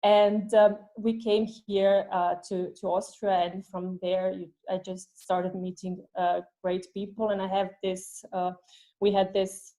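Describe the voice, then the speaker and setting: A woman, a guest telling her story in an interview, halting and restarting phrases as she searches for words. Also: medium pitch, little pitch movement, dark tone, poor audio. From Bosnia and Herzegovina. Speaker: guest, business development leader. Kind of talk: casual interview conversation.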